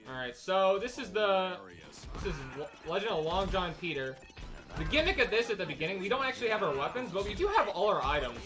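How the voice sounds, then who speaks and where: A man's voice: sits high, big pitch swings, brisk. A young man casually commenting on his own speedrun at a live event, joking and slangy. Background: game music and sound effects.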